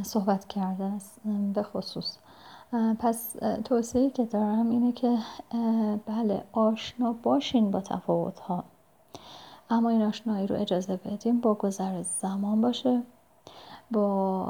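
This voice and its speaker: A woman sharing advice as a language learner, speaking hesitantly with many pauses and fillers, in politely formal phrasing. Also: medium pitch, vocal fry, dark tone. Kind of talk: casual spoken advice. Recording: dull lo-fi recording.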